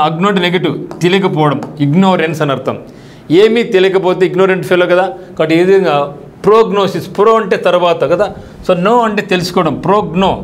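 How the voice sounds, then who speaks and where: A man's voice: high-pitched, slight background noise. A male teacher who explains English vocabulary for an exam, asking rhetorical questions and mixing in casual local speech. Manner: explains English words in Telugu with colloquial asides and rhetorical questions. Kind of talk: exam-prep vocabulary lesson.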